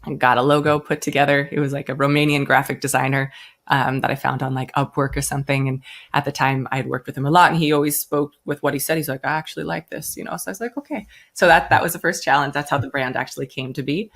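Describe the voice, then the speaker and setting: Chatty American woman with vocal fry. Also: rumbling low, little pitch movement, quick pace. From United States. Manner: chatty, acts out quoted voices. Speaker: brand founder, guest. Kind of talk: casual storytelling interview.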